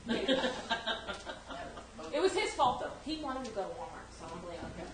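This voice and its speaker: A woman telling a funny story to a group, animated and laughing, acting out the quotes. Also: moderate pace, a crowd in the background. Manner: animated, laughing, acts out quotes with big pitch jumps. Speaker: mourner sharing a story at a funeral gathering. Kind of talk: casual storytelling. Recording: echoey room with background noise.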